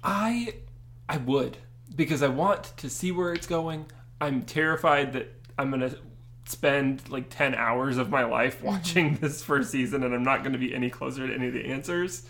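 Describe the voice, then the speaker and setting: A man's voice: mid-range voice, moderate pace, a bit bright. A young adult man co-hosting a podcast in casual chat, teasing his co-host and laughing often.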